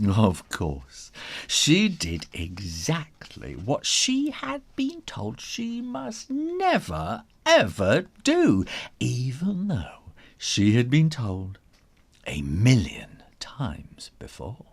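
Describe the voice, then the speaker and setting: The reader here is a man with a medium-pitched, creaky, slightly rough voice whose pitch swings hugely and whose words are drawn out. His suspenseful children's storybook read-aloud features stretched words, whispers, and playful onomatopoeia and repetition.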